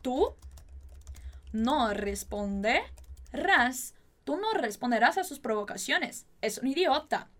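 A woman, a native Portuguese speaker, teaching a Spanish lesson, saying drill sentences slowly and chatting between them. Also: sits high, big pitch swings. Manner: slow, exaggerated drill phrasing, chatty asides.

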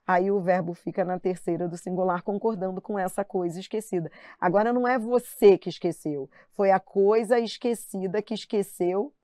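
Chatty and lively, a middle-aged woman with a Brazilian Portuguese accent gives a live online grammar lesson and mimics her students in fun. She speaks in a mid-range voice at a moderate pace with few pauses, in studio quality with no echo.

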